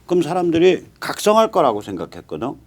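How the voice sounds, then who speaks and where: A man's voice: fairly high pitch, huge pitch swings, fast, a little mellow. A man in his sixties hosting a political talk show who often cuts in and stammers at the start of his phrases. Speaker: host.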